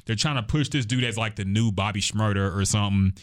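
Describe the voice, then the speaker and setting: A man's voice: on the low side, fast. A man giving blunt, dismissive opinions in a casual chat.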